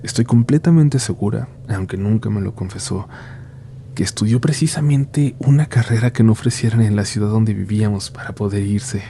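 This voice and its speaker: Low, gravelly Mexican horror narrator. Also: male voice, moderate pace, slight background noise. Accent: Mexican Spanish. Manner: grave, suspenseful, hushed horror-narrator delivery. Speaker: horror story podcast host and narrator.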